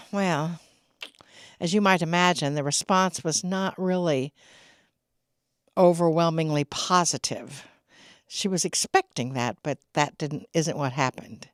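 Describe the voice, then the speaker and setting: A middle-aged woman giving an inspirational spiritual talk, slow and reflective, with laughs between her stories. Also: sits low, dry recording, studio quality.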